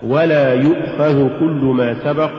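A man teaching Quran recitation, measured and methodical, contrasting wrong and right readings and chanting short verse examples. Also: a little high, fairly even intonation. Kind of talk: recitation lesson. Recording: echoey hall, muffled lo-fi.

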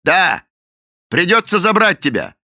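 A man voicing a loud, blustering, dim-witted police captain who barks and bullies. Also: medium pitch, big pitch swings, brisk, dry recording, studio quality, pitched above the performer's own voice. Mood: shouting. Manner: barking, bullying, shouting.

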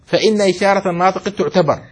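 A man teaching a classroom lesson, often asking his students questions, repeating his points and chanting rhyming lines slowly for dictation. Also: high-pitched. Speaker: teacher of Islamic jurisprudence.

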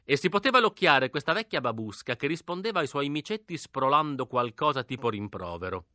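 A male narrator reads a literary novel with expressive, acted dialogue, sinking to a hush for whispered lines. His voice is mid-pitched and bright, caught close and dry in a studio. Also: fairly quick, no room sound. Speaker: audiobook narrator. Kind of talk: literary audiobook reading.

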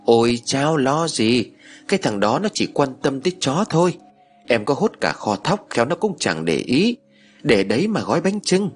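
Storybook young village woman, calm and frank, husky, a male narrator voicing her. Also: medium pitch, moderate pace, faint music behind, pitched above the performer's own voice. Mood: offhand. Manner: offhand, calm.

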